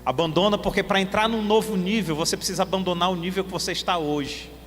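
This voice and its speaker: A pastor putting on the voice of God, calm and fatherly, low and solemn. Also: quick pace, long reverb tail, faint music behind.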